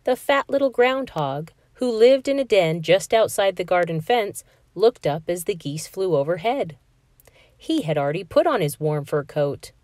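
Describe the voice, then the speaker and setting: A woman reading a children's picture book aloud in an expressive, sing-song storytelling manner. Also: on the low side, moderate pace, dry recording.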